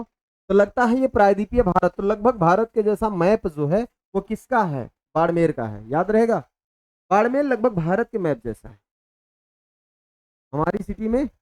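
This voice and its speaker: A man's voice: high-pitched, darkish tone. A man teaching a live online exam-prep class in a casual, repetitive way, calling students "beta" and "bhai" and answering viewers' chat messages.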